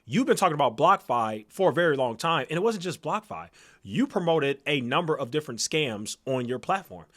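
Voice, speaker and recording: High, scolding man ranting in reaction. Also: big pitch swings, a little fast. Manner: angry, scolding, escalating to shouting. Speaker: reaction commentator.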